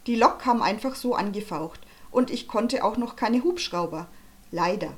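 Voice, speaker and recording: Reading from an audiobook, a woman takes on the role of a brash, self-assured little girl who boasts with bubbly boldness. Her voice is natural and mid-pitched, expressive, and delivered at normal speed.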